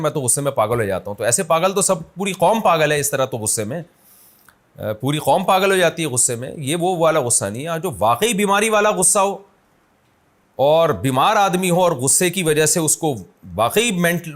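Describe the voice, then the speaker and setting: A man, an Islamic scholar, answering a viewer's question in a conversational but emphatic religious lecture, explaining with everyday examples. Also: fairly high pitch. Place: his office city.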